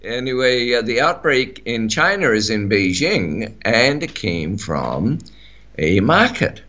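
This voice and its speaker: A man's voice: mid-range voice, sing-song, slow pace, sharp tone, dull audio. A middle-aged man with an Australian accent, chatting on talk radio, rambling with many fillers and restarts. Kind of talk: casual talk radio chat.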